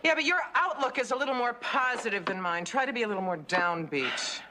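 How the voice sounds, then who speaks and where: A sardonic woman in her late thirties complains in a glum, dry tone, played by an actress. Her pitch still moves a lot from line to line. A clear hiss sits under this old TV recording. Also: expressive, brisk, natural voice. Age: 30s. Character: gloomy, sardonic woman turning thirty-nine. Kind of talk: sitcom acting.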